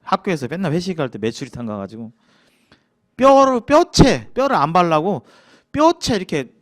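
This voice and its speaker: Lively Jeolla-accented man teaching Bible. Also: high-pitched, moderate pace. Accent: Jeolla Korean. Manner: lively, acts out grumbling quotes, chuckles, asks the class questions. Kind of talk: casual church lecture.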